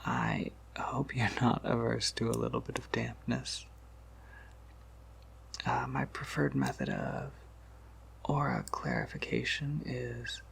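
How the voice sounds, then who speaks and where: In an ASMR roleplay, a man voices an ancient, courteous vampire who keeps an apothecary. His medium-pitched whisper is breathy and gravelly, and the performance is heavily acted, hesitant and unhurried, with softly chuckling asides.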